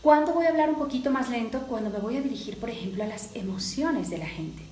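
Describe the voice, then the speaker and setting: A woman's voice: fairly high pitch, animated, fast talker, dark tone. A woman with a Latin American Spanish accent teaching a voice course, explaining step by step and often checking that listeners follow. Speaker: voice and speaking coach. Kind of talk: instructive course lecture. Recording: echoey room.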